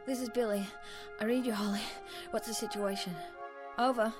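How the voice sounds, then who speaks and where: A woman voicing a female officer named Billy, heard answering over a police radio in a radio drama, calm and businesslike. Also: a little high, moderate pace, music in the background.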